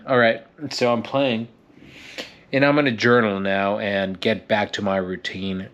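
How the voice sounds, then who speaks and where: A man's voice: lowish voice, a bit bright. A young man vlogging alone in a reflective monologue, musing and often restarting and repeating words. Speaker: actor and fitness vlogger. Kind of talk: reflective solo vlog monologue.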